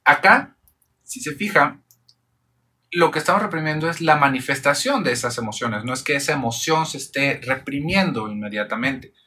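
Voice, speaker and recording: A man talks through a psychology topic in a reflective monologue. His voice is bright and a little husky. He keeps checking in with rhetorical questions. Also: fairly high pitch, lively intonation, moderate pace. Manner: thoughtful, frequent rhetorical questions. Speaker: psychology channel host.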